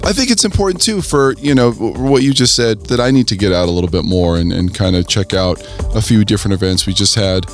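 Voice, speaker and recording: A hoarse male podcast host speaks in a low, raspy voice. His delivery is casual and conversational, with faint music underneath. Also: expressive, fast. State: hoarse after New Year celebrations.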